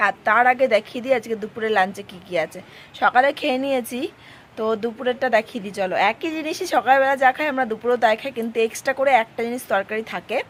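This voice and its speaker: A woman's voice: a little high, slight background noise. A woman, chatting to viewers in a casual home vlog. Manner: chatty, talks to viewers directly. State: hoarse. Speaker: vlogger.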